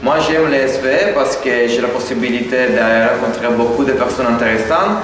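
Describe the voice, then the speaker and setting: Relaxed guy chatting in a big echoey hall, long reverb, music behind. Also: mid-range voice, moderate pace. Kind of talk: casual video testimony.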